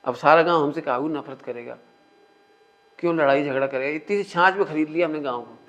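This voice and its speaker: A man's voice: a little high, fairly quick, fairly bright tone. A man teaching a spiritual discourse in a conversational way, often asking his listeners questions. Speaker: religious teacher. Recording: muffled lo-fi recording.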